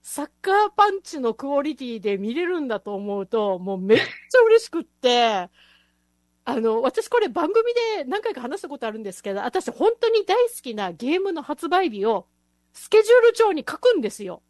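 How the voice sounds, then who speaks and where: Upbeat lady host, high pitched, chatty n excited, laughs a lot, swoops around. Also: normal speed, no room sound, clean studio sound. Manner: enthusiastic, chatty, laughs often. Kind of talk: casual chat.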